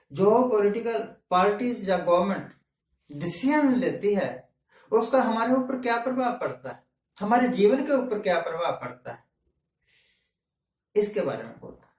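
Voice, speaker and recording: A man speaking in a measured, explanatory way, often mixing in English words, as a vlogger giving a reflective talking-head monologue. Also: high voice. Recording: echoey room, mic at a distance.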